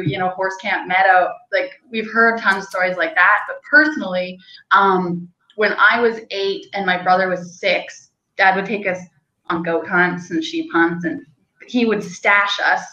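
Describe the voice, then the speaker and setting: Speaking at a normal speed with fairly even intonation, a young woman from Canada, a hunting guide and outfitter, chats her way through stories in a casual interview. Her medium-pitched voice is bright and forceful, and she rambles, often saying "like" and laughing lightly. The sound is lo-fi in an echoey room.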